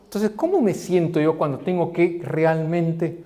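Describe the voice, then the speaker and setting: Brief: middle-aged teacher, mellow tone, lively class-discussion delivery. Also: male voice, unhurried. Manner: animated, acts out quoted voices in a raised pitch. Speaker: seminary teacher.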